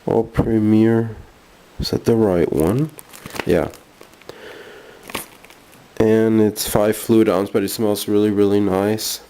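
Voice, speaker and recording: A man's voice: on the low side, steady tone, slow, long pauses, warm tone. A jet-lagged man rambling casually through a haul vlog at home, easily sidetracked. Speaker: vlogger. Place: bedroom at home.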